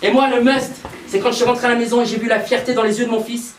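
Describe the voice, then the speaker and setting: A man doing a stand-up routine, telling stories in an animated way and speaking to audience members, recorded live from a far mic. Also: very high voice, fast talker. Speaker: stand-up comedian. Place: live stage with audience laughter. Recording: echoey room, far mic, loud noise.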